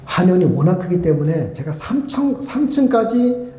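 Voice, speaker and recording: A man preaching a sermon in a church. His voice sits a little high and is dark and mellow. He tells a personal story, acting out old conversations and swinging from loud cries to hushed, soft lines. The sound echoes around the hall. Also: sing-song, moderate pace. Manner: acts out remembered dialogue, swings between loud and hushed. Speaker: guest pastor. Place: church sanctuary.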